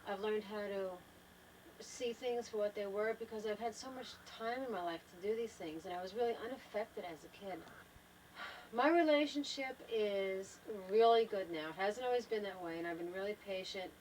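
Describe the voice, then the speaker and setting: Her voice is medium in pitch and darkish in tone, moving at a moderate pace, far from the mic with a little hiss or hum on a rough recording. She's an older wife in a travel trailer, casually reflecting to a home video camera, thoughtful and slow, often trailing off and starting over.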